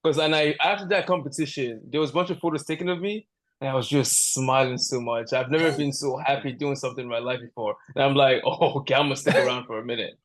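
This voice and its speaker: A man from Canada with a mid-range voice talks at a quick pace as a powerlifting guest on a podcast. The conversation is relaxed chat, full of his jokes, laughter, rambling, and restarts.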